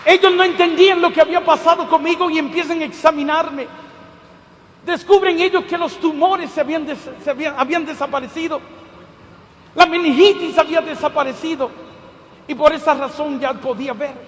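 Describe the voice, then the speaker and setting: Very high-voiced man preaching in a hall. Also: a little fast. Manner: keeps addressing listeners as "my dear brother". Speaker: preacher giving a testimony. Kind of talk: impassioned sermon testimony. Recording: long hall reverb, faint noise.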